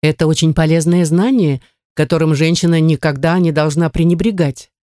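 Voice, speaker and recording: A calm, wise mother of four girls, as a woman reader voices her, speaking in a patient, instructive way. Her voice sits fairly low and mellow. The recording is dry and close. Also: normal speed, no room sound, natural voice. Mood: gently instructive. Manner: gentle, instructive.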